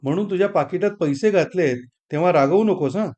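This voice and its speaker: A man voicing a generous, fond older sister who talks softly and coaxingly. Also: sits high, a little fast, dull audio, lightly acted. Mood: affectionate.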